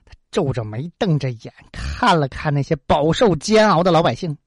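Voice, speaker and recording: A storyteller narrating a folk tale in a lively, chatty way, full of exclamations and asides. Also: medium pitch, normal speed, breathy edge, no room sound, clean studio sound.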